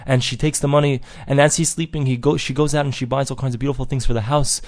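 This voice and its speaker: A man's voice: medium pitch, fairly even intonation, quick pace, darkish tone, no room sound. A man telling a parable in a daily religious lesson, repeating and restarting phrases as he goes. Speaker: teacher of a daily Torah lesson. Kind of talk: parable storytelling.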